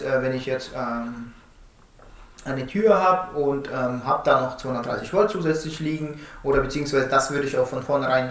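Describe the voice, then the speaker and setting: Explaining smart-home door products in a relaxed technical way, this thirtysomething presenter frequently tags questions onto what he says. He has a mid-range, fairly bright voice, and the recording carries a roomy indoor echo.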